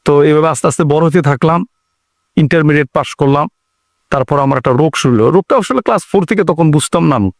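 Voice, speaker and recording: A young man earnestly telling his own life story, pausing often with fillers. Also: fairly high pitch, dry recording, clean studio sound. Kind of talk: personal testimony.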